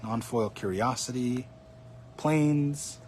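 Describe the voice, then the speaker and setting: A man of mid pitch talks casually through a card opening, calling out each pull with bursts of excitement. His voice is slightly hoarse. A faint hum sits under the recording. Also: slow pace. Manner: chatty, excited, naming cards as he pulls them. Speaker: card box opening streamer. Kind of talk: casual livestream commentary.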